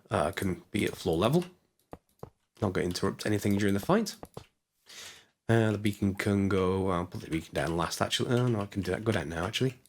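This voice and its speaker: Hoarse, low-voiced man narrating gameplay. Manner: chatty, thinks aloud with many fillers. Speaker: gaming channel host. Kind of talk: casual let's-play commentary.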